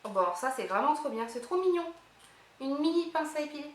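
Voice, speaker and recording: A woman vlogger chatting excitedly as she unboxes gifts, thinking aloud as she goes. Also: high voice, fast talker. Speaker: beauty vlogger. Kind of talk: casual unboxing chat. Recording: roomy echo, faint hiss.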